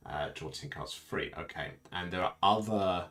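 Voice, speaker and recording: A man's voice: low-pitched, moderate pace, a bit bright. A man streaming a board game over his lunch break, chatting casually in a rambling, self-mocking way. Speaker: gaming streamer. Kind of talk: casual commentary while playing.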